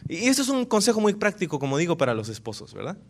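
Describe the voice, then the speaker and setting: A male pastor delivers a sermon. He stays animated and keeps checking in with his listeners through rhetorical questions, his voice sitting a little high. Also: very fast.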